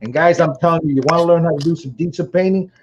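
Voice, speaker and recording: A Chicago-accented man hosts a casual livestream, his voice on the high side and fast as he rambles and stammers through restarts. The muffled, lo-fi stream audio carries a faint noise.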